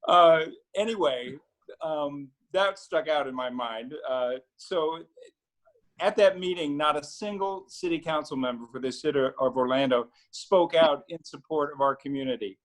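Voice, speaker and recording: Middle-aged man, attorney, panel storytelling, slightly high voice, fillers, video call. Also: normal speed, rough recording. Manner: relaxed, many fillers and restarts. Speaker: attorney and newspaper founder.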